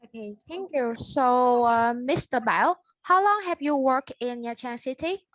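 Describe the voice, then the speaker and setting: A woman's voice: sits high, a little slow, a bit bright, rough recording. Woman interviewing. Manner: reads prepared questions politely. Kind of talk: classroom English speaking exercise, scripted interview.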